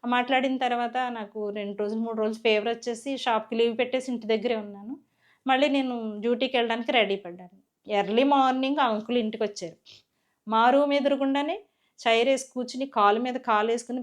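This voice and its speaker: A woman's voice: on the high side, steady tone, quick pace. A woman giving a personal faith testimony as a church member, telling her story in an earnest, conversational way.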